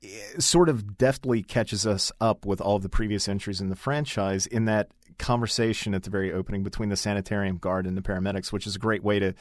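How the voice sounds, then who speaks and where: Articulate low-voiced male podcast host. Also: fairly even intonation, a little fast, few pauses, no room sound, studio quality. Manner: articulate, enthusiastic. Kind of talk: casual podcast chat.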